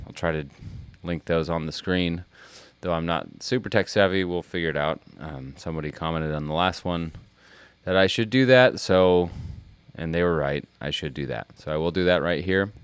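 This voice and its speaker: A middle-aged man giving a casual guitar lesson, explaining ideas in a relaxed, rambling way with many fillers. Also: sits low, clear, resonant tone, no echo. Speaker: guitar teacher.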